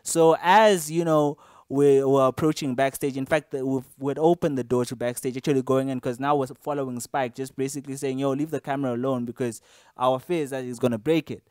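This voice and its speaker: A man's voice: mid-range voice, steady tone, fairly quick, a little mellow, clear, resonant tone, dry recording, clean studio sound. A young man casually recounting to camera something that happened to him at an interview, rambling along with lots of fillers and restarts.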